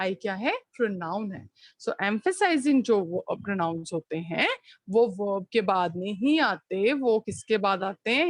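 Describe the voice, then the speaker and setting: A woman's voice: on the high side, no echo. A woman teaching an online grammar class to schoolchildren, asking the class questions and answering them herself, now and then calling out a student by name. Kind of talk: online class grammar lesson, Hindi mixed with English.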